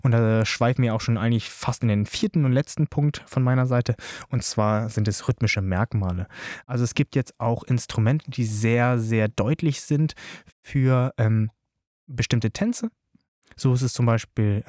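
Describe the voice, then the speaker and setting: A man's voice: medium pitch, a little mellow, no echo, clean studio sound. A man explaining dance music in a chatty, informal tutorial, talking straight to his listeners with many fillers. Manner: chatty, filler-heavy, addresses listeners directly. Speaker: dance teacher.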